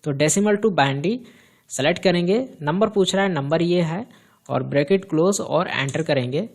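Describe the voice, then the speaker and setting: A man's voice: a little high, normal speed, vocal fry. Man patiently teaching spreadsheet formulas. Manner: patient step-by-step explaining, asks and answers own questions. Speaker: computer teacher. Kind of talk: screen-recorded software tutorial.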